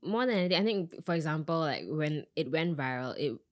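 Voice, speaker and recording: Young woman, from Singapore, low voice, relaxed interview chat, chatty. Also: fairly quick, dry recording, clean studio sound. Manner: chatty, animated when quoting herself, laughs often. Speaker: singer-songwriter, guest.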